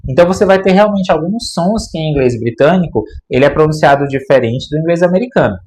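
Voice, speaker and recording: A fairly high-voiced Brazilian man, a native Portuguese speaker, gives an online English lesson. He explains with enthusiasm and talks straight to his viewers. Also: lively intonation, quick pace, darkish tone. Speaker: English teacher.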